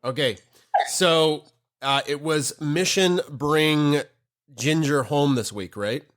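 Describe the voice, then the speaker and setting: A man co-hosting a podcast from home, relaxed and quick to laugh. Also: a little high. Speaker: podcast co-host. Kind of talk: casual chat.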